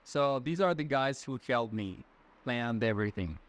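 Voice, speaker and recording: A man from Ecuador in his twenties, with a Latin American Spanish accent, speaks at normal speed in a mid-range voice. As an interview guest he gives casual, friendly answers, hesitating with plenty of fillers and restarts.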